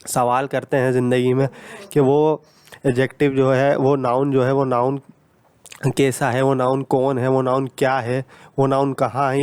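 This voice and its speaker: A man's voice: medium pitch, a little mellow, smooth, dry recording. A man teaching English grammar, explaining patiently and repeating points, mixing English grammar terms into his talk.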